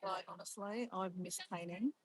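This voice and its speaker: A phone or camera on a tripod records an Australian woman with an Australian accent as she hosts a noisy outdoor livestream near water in nature, with clear background noise. She chats in a casual, rambling, informal way, at normal speed and medium pitch.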